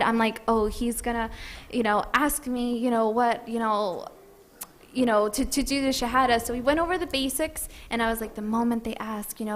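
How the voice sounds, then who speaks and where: A woman giving a personal testimony at an event, earnest and halting, with frequent fillers. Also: fairly high pitch. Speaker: convert sharing her story. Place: event hall.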